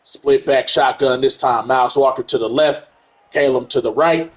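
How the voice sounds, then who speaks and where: A man gives casual play-by-play commentary on his own football video game, his voice congested from allergies, and gets loud and excited on big plays. He speaks at medium pitch and a moderate pace.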